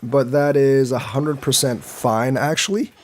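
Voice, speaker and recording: This go teacher streams his own board game, rambling through live commentary and critiquing each move. A slight cold makes his medium-pitched voice somewhat congested, and he keeps a steady tone at a measured pace.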